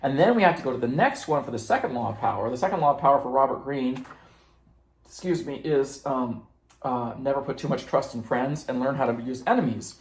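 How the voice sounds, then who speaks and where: A man's voice: mid-range voice, animated, fairly quick, reverberant, slight background noise. A man hosting a casual conversation, explaining ideas at length with many fillers and playfully acting out quoted voices. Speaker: host.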